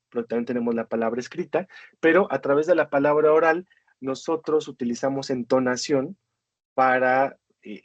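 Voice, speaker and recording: A man's voice: mid-range voice, dry recording. A man with a Mexican Spanish accent giving a recorded university lecture, hesitant, with many fillers and tag questions.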